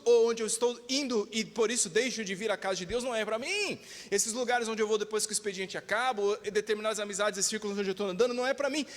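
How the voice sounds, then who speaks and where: A man's voice: extremely high pitch, a bit bright. A male pastor with a Brazilian Portuguese accent preaches an emphatic sermon, calling for amens and acting out voices. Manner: emphatic, calls for amens, acts out quoted voices. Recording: reverberant church hall.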